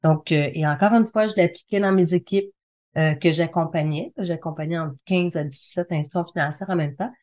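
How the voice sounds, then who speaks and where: A middle-aged woman with a Quebec French accent, a communication consultant and trainer, speaks as an interview guest. Her voice is on the low side, brisk, and a little mellow as she explains things conversationally, repeating phrases for emphasis.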